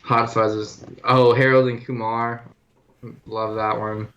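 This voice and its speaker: A man's voice: on the low side, little pitch movement, slow pace, a bit bright, a little hiss or hum. A young man co-hosting a casual podcast chat, easygoing and agreeable, who trails off into fillers. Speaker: podcast co-host.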